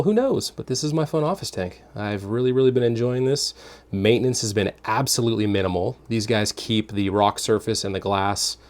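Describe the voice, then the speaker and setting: A man giving a casual, informal walk-through in vlog style, rambling and thinking aloud as he guides the viewer. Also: mid-range voice. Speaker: tour guide. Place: indoors, workplace rooms. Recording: faint room and air-conditioning noise.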